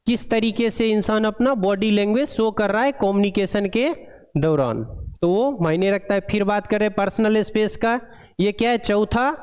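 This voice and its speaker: High-voiced man lecturing in class. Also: a little mellow, clear, resonant tone. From India. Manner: reads English lines slowly, then explains in Hindi; asks the class rhetorical questions. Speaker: pharmacy lecturer.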